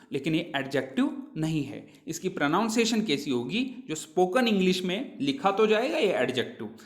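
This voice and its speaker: A male English teacher, giving a classroom pronunciation lesson, asking his own questions and repeating words slowly. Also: fairly high pitch, fairly bright tone. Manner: speaks Hindi mixed with English words.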